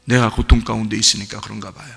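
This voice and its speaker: A male pastor preaching an impassioned sermon at a dawn church service, swinging between hushed asides and emotional outbursts. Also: on the low side, flat delivery, fast, vocal fry, breathy edge. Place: church sanctuary. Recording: reverberant church hall.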